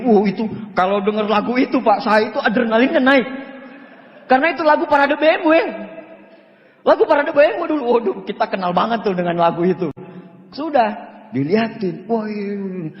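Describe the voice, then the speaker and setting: A young man from Indonesia giving an animated motivational talk, telling a story and acting out both sides of it. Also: high voice, fairly quick. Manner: acts out both sides of the story, laughing, shouting quoted lines. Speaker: motivational speaker. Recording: echoey hall, dull sound.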